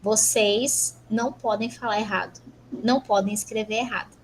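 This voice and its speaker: A Brazilian woman lecturer teaching an online class, brisk and teasing, asking rhetorical questions. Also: medium pitch, fairly even intonation, background noise. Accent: Brazilian Portuguese. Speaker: university lecturer.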